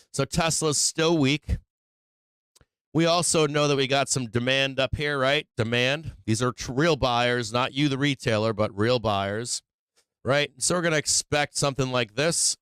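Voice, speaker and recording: Hosting a casual stock-trading livestream, a man who is losing his voice from sickness thinks aloud over charts and drops in rhetorical "right?"s. His voice is medium-pitched and a bit bright, with a clean tone and no room sound.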